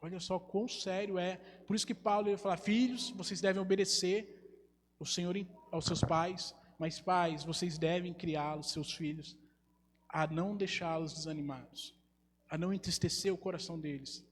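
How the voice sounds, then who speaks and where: A man's voice: high voice, fairly even intonation, normal speed. A man, preaching a sermon as pastor and putting rhetorical questions to his congregation. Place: church hall. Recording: live church stream with long reverb and faint hum.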